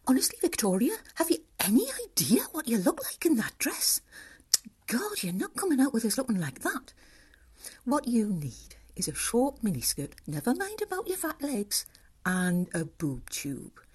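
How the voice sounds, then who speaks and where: A woman's voice: a little high, huge pitch swings, moderate pace, darkish tone, slightly rough, full character voice. A woman playing a catty, bossy young friend who mocks and teases. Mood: mocking. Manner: mocking, bossy.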